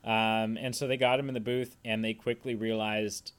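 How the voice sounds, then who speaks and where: A man's voice: on the low side, little pitch movement, moderate pace, smooth. Chatty man reviewing a movie. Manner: chatty, tangent-prone, lots of fillers. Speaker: podcast co-host. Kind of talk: casual movie review chat.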